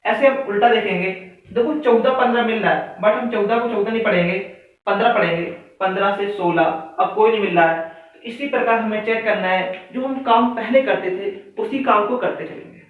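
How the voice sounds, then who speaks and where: Male maths teacher, high voice, counts aloud step by step; far from the mic in an echoey room, phone-like sound. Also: brisk. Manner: counts aloud step by step, asks students questions. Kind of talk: classroom lesson explanation.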